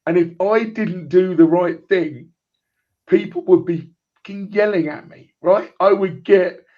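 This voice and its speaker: Over a clipped phone line, a man in his forties with a high voice chats casually about football at a measured pace, rambling and restarting his points again and again.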